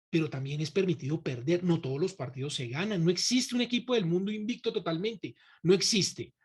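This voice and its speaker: A man's voice: high voice, husky. A man hosting a conversational interview, speaking reflectively and emphatically while putting probing questions to his guest. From Colombia. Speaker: host.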